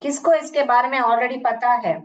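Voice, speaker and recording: A woman with an Indian accent teaching English phonics in an online class, repeating sounds slowly and asking questions. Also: a little high. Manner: slow, repeats sounds and words, asks questions. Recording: muffled, distant from the mic.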